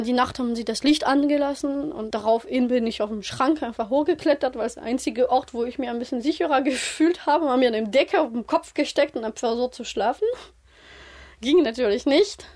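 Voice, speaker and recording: A woman speaking hesitantly and haltingly as an interviewee, telling her own experience. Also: on the high side, a little mellow. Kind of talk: recounting a personal experience.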